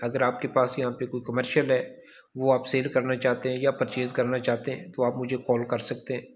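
A man, a real estate agent narrating a site tour from a moving car in a steady promotional tone. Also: medium pitch, brisk. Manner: steady promotional commentary, lists sectors.

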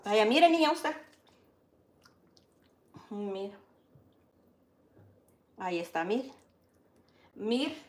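A woman's voice: mid-range voice, very animated, drawn-out words, pauses often, darkish tone. Chatty Salvadoran woman cooking. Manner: chatty, teasing, calls out dishes like a street vendor. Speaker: cooking show host. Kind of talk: casual cooking chat. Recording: echoey kitchen with clattering dishes.

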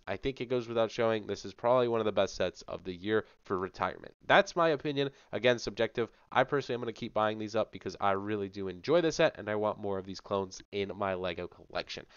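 Speaking into a headset mic in a small home room, this young man hosts a casual, enthusiastic rundown for his channel, chatty and full of fillers, and a bit under the weather. His voice is lowish and smooth, and the recording is dry and muffled.

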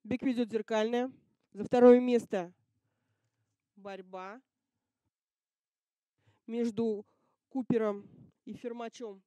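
A woman's voice: a little high, steady tone, takes it slowly, pauses often, mellow, no room sound. A woman giving live harness racing commentary in short, terse announcements. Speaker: race commentator.

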